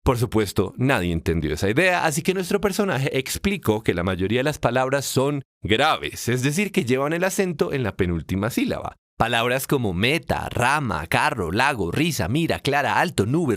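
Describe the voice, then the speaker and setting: A man narrates an explanatory lesson in a playful storytelling way. His pitch rises and falls with a lot of life. The recording is dry and close, with no room sound. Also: no echo. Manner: lively, playful storytelling with acted dialogue. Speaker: educator explaining Spanish accent marks.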